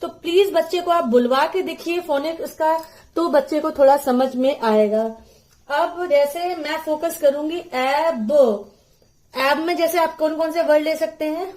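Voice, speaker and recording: A woman giving a patient phonics lesson, sounding out syllables slowly for parents and teachers to repeat to children. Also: high voice, darkish tone.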